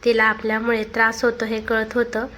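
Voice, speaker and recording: A woman reading a family drama aloud as the storyteller, steady and emotive. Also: fairly high pitch, brisk. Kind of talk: storybook narration.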